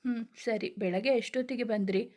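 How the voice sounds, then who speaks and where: A shy new bride who sulks and protests with a bashful pout, voiced by a woman storyteller. Her voice is a touch high and light. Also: fairly quick, warm tone, lightly acted. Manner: pouting, bashful. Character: shy, sulky young bride.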